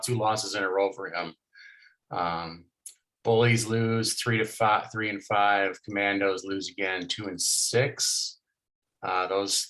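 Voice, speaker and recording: A man's voice: fairly low pitch, pushed and bright, rough recording. Man rattling off league standings. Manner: rattles off standings and records in quick bursts. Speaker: fantasy football league co-host. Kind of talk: casual podcast chat.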